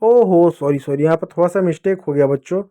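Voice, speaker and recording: A man with a notably high speaking voice teaches a beginners' reading class for small children. He speaks in a friendly, playful way, drawing out sounds and repeating them so the children can follow. His lessons lean on everyday examples. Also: a little fast, dark tone.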